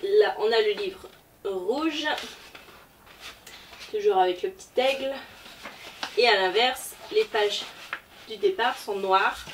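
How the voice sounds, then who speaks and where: Speaking slowly and pausing often, this woman has a medium-pitched voice as she presents a laid-back book haul vlog. She's a chatty, hesitant book vlogger who leans on fillers, recorded on a distant mic with faint background noise.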